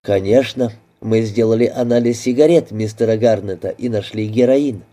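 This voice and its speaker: A man voicing a composed male police inspector in a detective audiobook, questioning in a dry, measured way. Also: lowish voice, fairly even intonation, dark tone, natural voice. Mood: probing.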